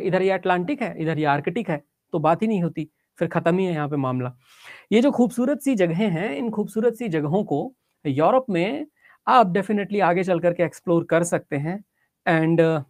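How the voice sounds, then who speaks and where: Low-voiced woman teaching a class. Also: darkish tone, dry recording, clean studio sound. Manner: explains step by step, with frequent check-ins to students; mixes English words and phrases into Hindi. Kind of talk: geography class lesson.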